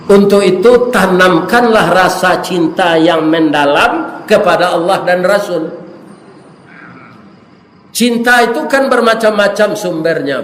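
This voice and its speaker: A man's voice: a little high, fairly bright tone, a little hiss or hum. A middle-aged man with a Minangkabau accent preaching a humorous sermon, joking with the congregation. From Indonesia. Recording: roomy echo with long reverb.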